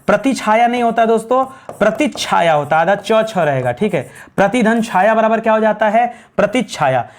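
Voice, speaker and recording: A man's voice: sits high, expressive, normal speed. A man teaching Hindi spelling, who keeps asking his students what is correct, then answers himself. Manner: repeats questions to students, calling them "friends"; clears throat now and then. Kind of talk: spelling lesson at a board.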